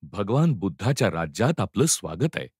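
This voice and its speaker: Brief: peaceful, courteous monk, read by a male narrator, quiet and unhurried, lively pitch. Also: slightly rough, no echo, studio quality, full character voice. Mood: welcoming. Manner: soft, calm, courteous. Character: serene old Buddhist monk, gentle, welcoming.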